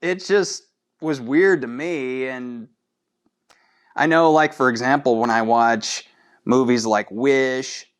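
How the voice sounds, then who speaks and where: Taking it slowly in a clear, resonant, mid-range voice, a man hosts his own podcast, a relaxed solo fan-trivia show. He chats easily and poses questions directly to the audience.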